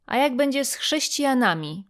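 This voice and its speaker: A woman's voice: sits high, expressive, normal speed, pitched above the performer's own voice. A woman voicing a mocking Roman man who taunts an old Greek. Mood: taunting.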